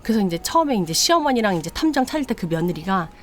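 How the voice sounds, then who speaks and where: A woman's voice: mid-range voice, sing-song, fast, slight background noise. A woman hosting a late-night radio live, retelling a story in a chatty, dramatic way. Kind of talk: casual storytelling.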